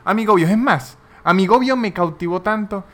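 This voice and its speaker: A man's voice: on the high side, animated, normal speed, sharp tone. A man hosting a comedic podcast monologue, ranting in a sarcastic, mocking way. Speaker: podcast host.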